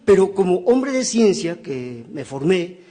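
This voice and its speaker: A man's voice: high voice, sing-song, measured pace, mellow. Man, lecturing. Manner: professorial, rhetorical questions and tag questions. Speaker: book author presenting his work. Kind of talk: lecture-style book presentation.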